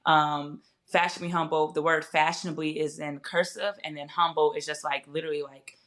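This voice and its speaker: A woman's voice: low voice, little pitch movement, a little fast, fairly bright tone. A woman as an interview guest, telling her story in a casual, conversational way, correcting herself and voicing her own thoughts. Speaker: podcast guest, fashion brand founder.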